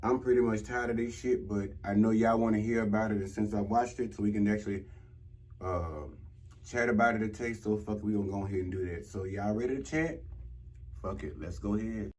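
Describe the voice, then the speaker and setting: A man's voice: fairly low pitch, fairly quick, darkish tone. A man hosting a casual review show, talking in a blunt, exasperated, rambling way and swearing freely. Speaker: host of a reality TV review show. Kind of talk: casual profane recap and commentary.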